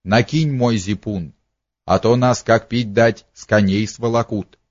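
A loyal servant talks in short, folksy bursts, read by a man. His voice is low and the sound dull and dry. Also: fairly even intonation, unhurried, no echo. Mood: urgent. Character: loyal quick-witted male servant.

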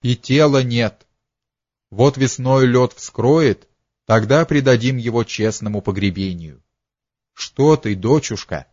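A man voicing a gentle, solemn old monk elder who speaks quietly and tenderly. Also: medium pitch, slow, no room sound, highs cut off.

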